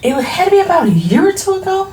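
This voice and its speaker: A woman's voice: extremely high pitch, very animated, quick pace, a little mellow, echoey room. A woman in her forties, a small business owner, chatting frankly to camera at home, laughing easily and using casual slang. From Florida. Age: 40s. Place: her home, products on shelves behind.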